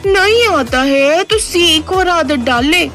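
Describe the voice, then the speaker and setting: A woman voicing a spiteful, bossy aunt who scolds loudly and sobs for show. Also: lively intonation, takes it slowly, soft background music, exaggerated voice. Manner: shrill scolding, fake sobbing.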